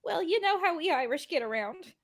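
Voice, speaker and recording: A woman's voice: extremely high pitch, lively intonation, a little fast. Irma, a dizzy young woman voiced by a woman. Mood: bluffing. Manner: flustered, dizzy, earnest. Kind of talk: amateur radio drama reading.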